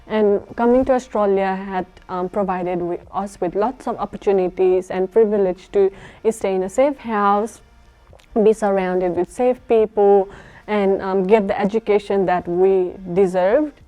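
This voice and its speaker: A woman in her twenties from Nepal, a school teacher, giving measured, sincere interview answers. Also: mid-range voice, fairly even intonation, warm tone, lo-fi sound. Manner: measured, sincere, with filler pauses.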